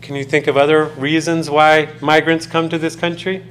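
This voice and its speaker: This American college lecturer talks in a level tone at a moderate pace, his voice on the high side and a bit bright. He teaches conversationally, loose with fillers and often questioning his students.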